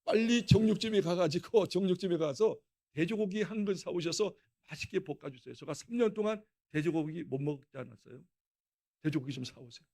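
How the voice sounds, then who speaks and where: A male pastor with a notably high-pitched voice tells a personal testimony during a dawn prayer service. He preaches in an animated, storytelling way, often breaking into laughter. The sound is that of a church sanctuary. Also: a little fast.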